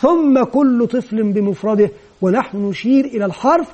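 Guy w a really high but mellow voice, patient teacher-training lecture, step by step. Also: normal speed. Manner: patient, step-by-step explaining, models phrases for pupils. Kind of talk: instructional lecture on teaching reading.

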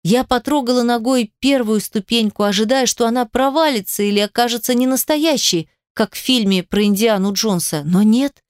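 Smooth-voiced woman reading a fantasy audiobook. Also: a little high, normal speed, dry recording, studio quality. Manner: expressive, storytelling. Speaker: audiobook narrator. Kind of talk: first-person fantasy audiobook narration.

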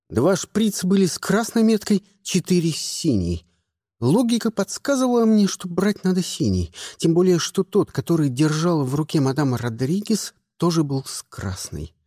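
A man narrating a first-person action story in a wry, expressive reading style. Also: fairly high pitch, dry recording, studio quality. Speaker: audiobook narrator.

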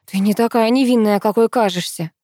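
A woman's voice: on the high side, a little fast, warm tone, close to an everyday voice. A woman reading an ardent young male lover. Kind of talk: audiobook reading.

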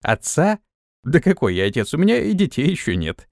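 Brief: brash young trainee, indignant, shouty, lively pitch, dry sound; played by a man. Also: a little fast, no room sound. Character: young male police trainee, hot-tempered.

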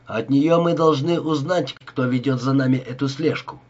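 A man's voice: medium pitch, normal speed, a little mellow, dull audio, natural voice. A man voicing a brutal gangster who threatens and bullies in a harsh voice. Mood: menacing. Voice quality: harsh, menacing.

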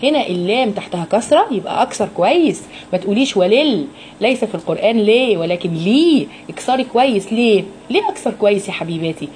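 A woman's voice: medium pitch, expressive, fast, darkish tone, a little hiss or hum. A woman with an Egyptian accent teaching a Quran recitation lesson to women. She explains each rule patiently, asks her students questions and models every sound. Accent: Egyptian Arabic.

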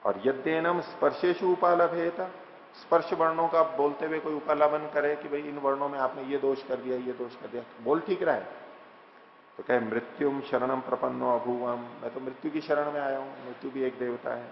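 A man teaching scripture, reciting verses slowly and then explaining them plainly with rhetorical questions. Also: medium pitch, steady tone, a little hiss or hum. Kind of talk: scripture lecture. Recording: echoey hall, dull lo-fi sound.

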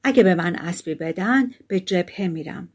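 A woman's voice: lowish voice, animated, breathy edge. A woman reading the lines of a brave young gardener's boy in an audiobook fairy tale, earnest and plainspoken.

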